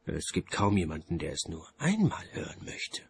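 Expressive, breathy male audiobook narrator. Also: deep voice, moderate pace. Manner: theatrical, expressive storytelling.

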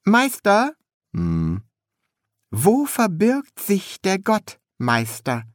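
A man's voice: high voice, huge pitch swings, drawn-out words, no room sound, studio quality, voice pushed up, exaggerated voice. A man voicing an eager, chatty young male apprentice who asks naive, curious questions.

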